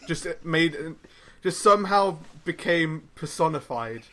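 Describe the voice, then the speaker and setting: A man with a bright, sharp-edged voice co-hosting a casual podcast. He delivers his jokes flat and dry, with faint hiss behind him. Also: a little high, unhurried. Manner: dry, deadpan joking. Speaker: podcast co-host.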